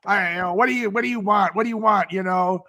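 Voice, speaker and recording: A man voicing a gruff, snarky male supermarket buyer who barks quick orders. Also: sits high, bright, forceful tone, pitched above the performer's own voice. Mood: impatient. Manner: snarky, barking, hurried.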